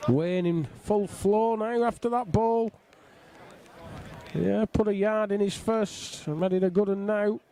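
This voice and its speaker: A middle-aged man commentates casually on bowls in a fairly high, soft-edged voice. He is bantering and jokey, chatting along between calls of the play. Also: steady tone, measured pace. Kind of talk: casual live sports commentary. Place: outdoors on a flat roof in the rain.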